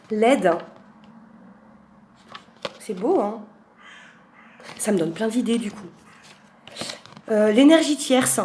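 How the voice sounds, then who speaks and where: A woman's voice: on the high side, darkish tone, a little hiss or hum. A woman in a casual chat, presenting tarot cards one by one, rambling with fillers and asides and lifting her voice on each card name. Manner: announces card names with lifted emphasis. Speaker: tarot reader presenting a deck.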